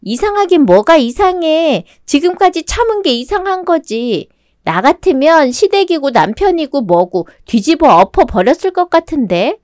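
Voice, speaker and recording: A loyal, outspoken young woman friend, voiced by a woman in a radio drama, her voice lively and swinging up high when she gets indignant. The sound is dry and close to the mic. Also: normal speed, no echo. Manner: indignant, emphatic. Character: sympathetic outspoken female friend in her thirties.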